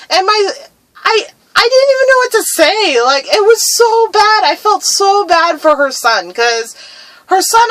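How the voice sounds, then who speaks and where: A woman's voice: very high-pitched, a bit bright, dry recording. A young woman telling an indignant story in an unedited rant, swearing and laughing as she talks. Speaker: vlogger.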